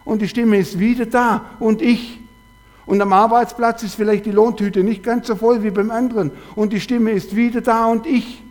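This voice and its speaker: A man delivers a sermon in a noticeably high-pitched voice. He tells everyday stories and keeps returning to the same refrain and rhetorical questions. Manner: storytelling with repeated quoted refrains and rhetorical questions. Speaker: preacher.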